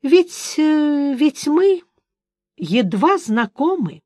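A woman reading aloud voices a young female poet with a soft, melodic manner. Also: high voice, sing-song, extremely slow, no echo, studio quality, pitched above the performer's own voice, exaggerated voice. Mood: bitter.

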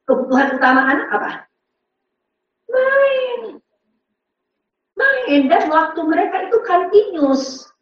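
A woman's voice: very high-pitched, big pitch swings, moderate pace, fairly bright tone, slight background noise. A woman giving an interactive parenting seminar, quizzing the audience and acting out parent and child voices. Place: large seminar hall with audience. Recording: very echoey, distant, dull hall recording.

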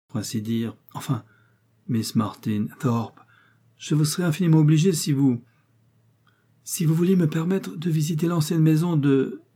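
A man voicing a tearful, agitated gentleman who pleads haltingly in an audiobook. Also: a little high, husky, pitched above the performer's own voice.

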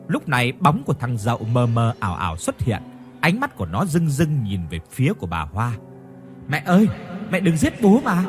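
A man narrating a horror story in a dramatic, expressive reading. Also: mid-range voice.

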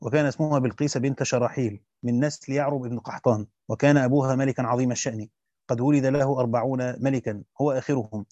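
Fast-reading man teaching. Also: medium pitch, mellow, dry recording. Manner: quick recitation with brief spoken asides to students. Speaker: teacher reading a Quran commentary. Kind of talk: reading a classical text aloud with commentary. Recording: dry dull lo-fi recording.

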